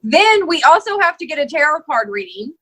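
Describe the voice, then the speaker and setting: Bright high-voiced woman chatting animatedly. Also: a little fast, poor audio. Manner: animated, laughs often, builds theories. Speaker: podcast co-host. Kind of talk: casual chat.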